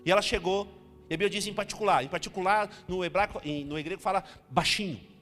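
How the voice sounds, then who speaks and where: A high-voiced pastor preaches with dramatic energy, acting out the story as he goes. His voice carries a long hall reverb, with faint music beneath it. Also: fast talker. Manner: animated and dramatic, acting out the scene. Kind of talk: sermon.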